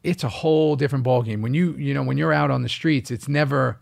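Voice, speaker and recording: East coast guy on an interview, spinning stories, does little voices for everyone he quotes, mid pitched. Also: fast, creaky. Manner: lively anecdotes, acts out quoted dialogue. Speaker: actor guest. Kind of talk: casual interview storytelling.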